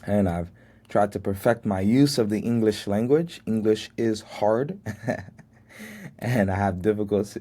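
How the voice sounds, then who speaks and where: This American man in his twenties hosts a solo reflective podcast, and his voice sits lowish with a warm tone. Haitian Creole was his first language, and he shares life lessons in an earnest, faith-filled way, chuckling at himself now and then.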